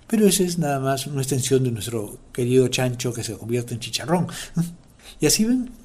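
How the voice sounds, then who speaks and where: Husky-voiced Peruvian man explaining words. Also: medium pitch, expressive, a little fast, dark tone. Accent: Peruvian Spanish. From Peru. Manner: playful, acts out everyday quotes. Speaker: host of a language segment. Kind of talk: explanatory talk.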